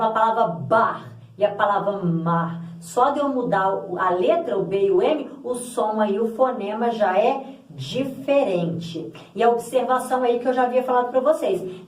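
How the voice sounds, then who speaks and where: A woman's voice: mid-range voice, darkish tone. Echoey distant woman teaching grammar. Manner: didactic, repeats example words aloud. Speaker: Portuguese language teacher. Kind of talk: explanatory grammar lesson.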